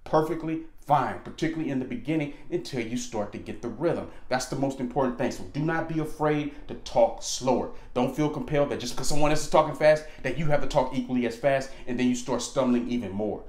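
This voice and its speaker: American guy teaching casually, slangy n emphatic, mid pitched voice, echoey room. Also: a little fast, hardly any pauses. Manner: animated, slangy, emphatic, repeats points for emphasis. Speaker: aviation instructor, presenter. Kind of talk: informal instructional talk.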